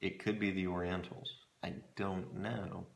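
Middle-aged man, gravelly fry, casual musing talk, frequent thoughtful pauses, small echoey home room. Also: sits low, little pitch movement. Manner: musing, hesitant, pausing often mid-thought. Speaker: pipe-smoking hobbyist reviewing tobacco blends. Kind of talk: casual chat to camera. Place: small home storage room with shelves, indoors. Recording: roomy echo from camera mic.

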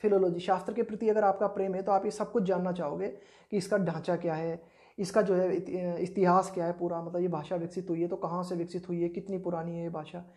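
A woman's voice: on the low side, flat delivery, warm tone. A woman teaching an exam-prep lesson, explaining each point patiently and often checking in with the listener. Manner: patient, repeats points with tag questions; reads English definitions slowly and deliberately.

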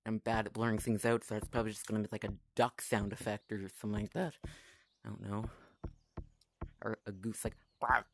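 A man's voice: on the low side, little pitch movement, brisk, a bit bright. A man giving casual, rambling commentary while playing a VR game, self-conscious and talking to himself through a headset mic. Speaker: gameplay vlogger.

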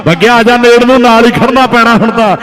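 A man's voice: very high voice, fairly even intonation, fast talker, rough recording. A man calling a live kabaddi match, announcing in repeated phrases. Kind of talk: live sports commentary. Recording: crowd noise at outdoor match.

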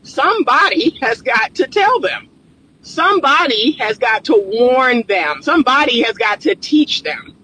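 A relationship coach and counselor records a casual talking-head vlog in a parked car, using a phone camera on the dashboard. Her bright, high, expressive voice is a little slow and emphatic, even preachy, and she repeats phrases for stress. The low-quality recording has slight background noise.

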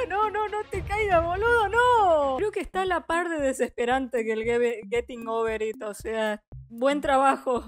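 A young Argentine woman commenting on her gameplay, frantic and swearing, pleading with the game not to let her fall. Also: sits high. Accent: Argentine Spanish. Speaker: gaming youtuber. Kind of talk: let's play commentary. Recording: faint music behind.

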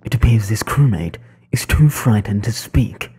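Sex: male. Figure: a man putting on a disguised deep voice, deadpan documentary narrator. Style: dry game commentary. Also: moderate pace, breathy edge. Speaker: narrator of his own gameplay. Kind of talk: in-game voice chat comedy narration.

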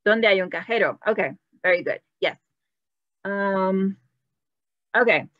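Slow, patient woman teaching Spanish. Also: mid-range voice, no room sound, lo-fi sound. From Latin America. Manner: patient, encouraging, switches between English and Spanish. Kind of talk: bilingual online language lesson.

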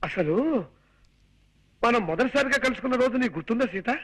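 An actor playing an excitable young man with a jittery comic delivery. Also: very high-pitched, a little fast, very noisy. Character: excitable young man courting his sweetheart.

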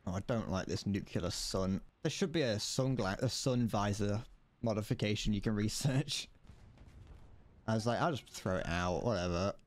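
A man's voice: lowish voice, normal speed. A young man from the UK who streams games and makes casual, rambling, profane jokes as he plays. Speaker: gaming streamer. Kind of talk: casual commentary while gaming.

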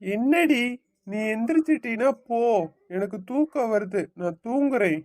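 A woman's voice: on the high side, lively intonation, a little slow, a little mellow, no room sound. A woman voicing a lazy, drowsy young husband caught between his mother and wife in a cartoon. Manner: drowsy, whiny.

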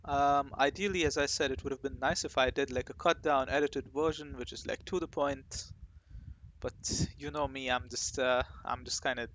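A man hosting his own gaming channel talks casually and at length, his sentences full of fillers, restarts and loose asides. His voice sits at an ordinary middle pitch. A faint noise runs under the recording, with occasional clicks. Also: fairly even intonation, normal speed, fairly bright tone, dull audio. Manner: rambling, hesitant, many fillers and restarts. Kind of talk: casual rambling talk to camera.

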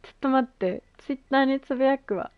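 A woman's voice: high voice, brisk, clean tone, no echo, muffled recording. A woman chatting casually on a gaming stream, gushing in youthful slang and exclamations. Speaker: game streamer. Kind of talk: excited casual live-stream chat while gaming.

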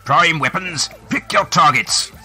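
A man's voice: a little high, unhurried, bright, forceful tone, faint music behind, voice pushed up. A man voicing a stern prison officer whose magically amplified voice barks clipped commands from a gunship. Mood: commanding. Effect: magically amplified voice across a roof.

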